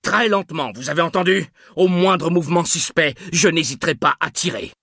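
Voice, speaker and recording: A man voicing a tense male security guard who shouts sharp commands. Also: medium pitch, moderate pace, dry recording, studio quality, pitched above the performer's own voice, lightly acted. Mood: alarmed, commanding.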